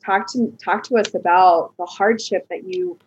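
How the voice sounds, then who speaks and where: A woman hosting a podcast interview, asking questions in a gentle, hesitant way with frequent filler words. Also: fairly low pitch, steady tone, normal speed, slight background noise. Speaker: podcast host. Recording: dull lo-fi recording.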